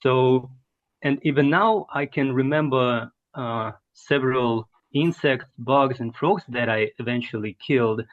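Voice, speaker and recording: A man telling a personal story in an online study group, halting and searching for words. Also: mid-range voice, narrow, tinny audio.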